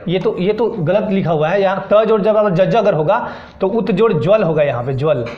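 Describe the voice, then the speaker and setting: Male teacher, high voice, quizzing a class over and over in an echoey, dull-sounding room. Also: lively intonation, a little fast. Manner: drills students with repeated questions. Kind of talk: classroom lesson.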